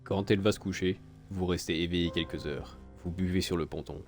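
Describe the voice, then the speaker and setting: A man's voice: sits low, steady tone, a little fast, soft background music. A man playing a video game on stream, reading its story text aloud and adding casual, crude asides. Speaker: let's play streamer.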